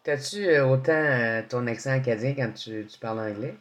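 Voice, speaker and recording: A man at an ordinary pitch hosts a radio interview in French, chatting freely and laughing easily with his guest. His delivery is loose and conversational, full of small fillers. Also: normal speed, fairly bright tone. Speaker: radio host.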